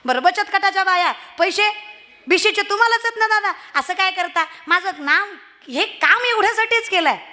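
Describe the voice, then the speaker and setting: High, bright-voiced woman preacher. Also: moderate pace. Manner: animated, teasing, scolding the audience. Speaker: kirtan preacher. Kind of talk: devotional sermon with humor.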